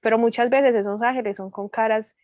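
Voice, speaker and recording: Colombian woman telling a lively testimony. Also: fairly high pitch, a little fast, no echo, lo-fi sound. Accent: Colombian Spanish. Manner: lively storytelling, acting out dialogue. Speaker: guest speaker. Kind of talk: testimony in a prayer meeting.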